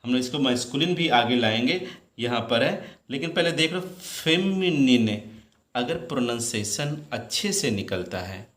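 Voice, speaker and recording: A man teaching English pronunciation in Hindi, slowly repeating each word and quizzing his students. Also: medium pitch, animated, fairly bright tone. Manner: addresses students as "beta", repeats words slowly, asks questions. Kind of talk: pronunciation lesson. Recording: roomy echo.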